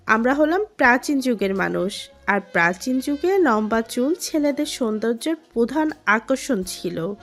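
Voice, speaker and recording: A woman's voice: a little high, lively intonation, moderate pace, a bit bright, soft background music. A woman voicing a feisty older mother who scolds and snaps at her family. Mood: scolding. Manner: scolding, snapping.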